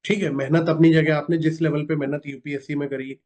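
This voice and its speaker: A man's voice: fairly high pitch, flat delivery, a little fast, a little mellow. A man hosting an interview as an exam mentor, polite and encouraging, with short affirmations between the guest's answers.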